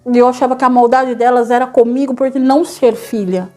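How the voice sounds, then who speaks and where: A woman's voice: fairly high pitch, fairly even intonation, brisk, dark tone. A young woman, earnestly telling her church testimony and addressing the listeners as brothers.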